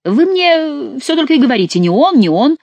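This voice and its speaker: A woman's voice: lowish voice, lively intonation, brisk, dry recording, muffled recording. A woman voicing a mocking, ironic young male nobleman in an audiobook, with a teasing, mock-polite manner.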